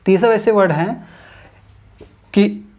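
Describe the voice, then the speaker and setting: Sitting high in pitch with a darkish quality, a man's voice leads an online English grammar class. Points get repeated and broken into steps, example words come out slowly, and viewers are greeted as friends.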